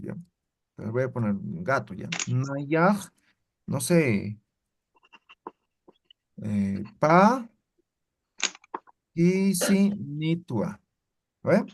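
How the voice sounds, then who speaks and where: A man teaching a language class, explaining step by step and checking in with his students again and again. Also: mid-range voice. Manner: explains patiently, keeps checking with "¿no ve?".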